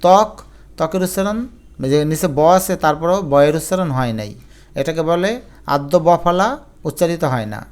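A man teaches grammar for an exam, his voice pitched a little high and resonant. He walks through each rule patiently and repeats the examples. He keeps turning to his students to address them directly. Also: moderate pace, clean tone. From Bangladesh. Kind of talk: exam-prep grammar lesson.

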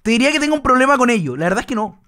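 A young man with a Chilean accent rambles through a casual reaction stream, his voice sitting high for a man. He leans on crude slang and stumbling restarts. He also puts on a self-consciously fake, exaggerated voice meant for the internet. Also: very animated, rapid-fire, loud music behind the voice. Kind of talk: casual livestream reaction chat.

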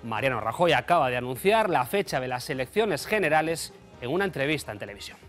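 A man reporting the news in a steady, informative scripted delivery. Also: medium pitch, fast, faint music behind.

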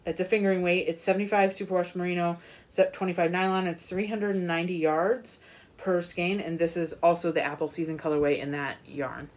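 Hiccuping throughout, a knitting podcast host shows off her recent yarn buys in a relaxed chat full of ums and false starts. Her voice is medium-pitched with a darkish tone.

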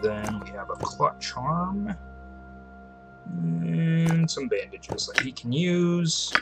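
Slow-paced man doing game commentary. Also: sing-song. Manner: low-key, thinking aloud. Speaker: gaming host. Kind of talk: casual game commentary with dialogue read aloud. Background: loud game music.

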